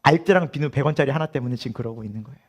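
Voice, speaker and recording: A middle-aged male pastor preaching a sermon, telling a story with laughter and acting out shouted quotes. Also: mid-range voice, rapid-fire, husky.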